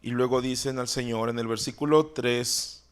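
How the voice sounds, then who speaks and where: A man preaching a sermon as pastor, talking conversationally with soft asides and loud emphatic exclamations. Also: medium pitch, fairly even intonation, normal speed, smooth.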